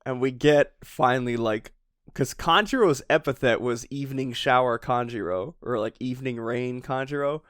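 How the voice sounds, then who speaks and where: Excitable, swearing podcast co-host man. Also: mid-range voice, normal speed, clear, resonant tone, dry recording, studio quality. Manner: excitable, swears often, laughs a lot. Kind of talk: casual chat.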